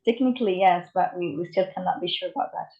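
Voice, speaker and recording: A woman's voice: fairly low pitch, quick pace, creaky. Female student answering, dull muffled recording. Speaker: student in a medical English class. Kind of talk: short spoken answers in a lesson.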